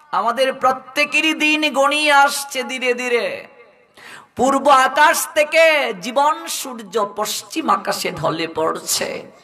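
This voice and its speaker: High, bright-voiced Bengali male preacher. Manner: impassioned, drawn-out delivery, addressing listeners as father and mother. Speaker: kirtan preacher. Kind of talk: devotional sermon with sung kirtan lines.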